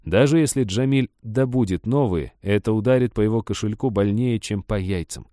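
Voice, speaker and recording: A man reading a story aloud in even, scripted audiobook narration. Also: lowish voice, moderate pace, dry recording, studio quality.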